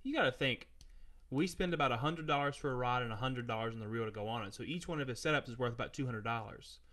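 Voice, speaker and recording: A man, mid-pitched and easygoing, tells a story to his co-hosts on a casual live show. He talks plainly and at a steady, relaxed pace. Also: fast. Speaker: co-host. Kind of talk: casual chat.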